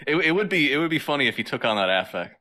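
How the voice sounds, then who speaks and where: A man co-hosting a podcast in casual chat, hesitant and quick to laugh. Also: mid-range voice, pushed and bright. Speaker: podcast co-host.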